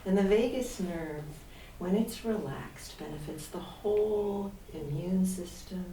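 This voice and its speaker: A woman leading a guided humming meditation, speaking slowly and softly, at times breathy. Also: on the low side, far from the mic, a little hiss or hum. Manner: slow, hushed, breathy at times. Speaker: sound healing facilitator. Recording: echoey room, off-mic, instrument music behind.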